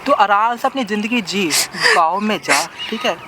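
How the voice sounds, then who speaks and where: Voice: medium pitch, expressive, normal speed, very noisy, close to an everyday voice. An actor playing a brash young husband who coldly brushes off his wife and keeps asking "right?". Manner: bossy, repeats "ठीक है?" constantly. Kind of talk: family drama skit acting.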